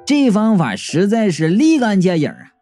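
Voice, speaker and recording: A man's voice: high-pitched, moderate pace, soft background music. A man reading a comic first-person story aloud in a playful manner, acting out the dialogue. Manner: lively, playful, acts out dialogue. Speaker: audiobook narrator.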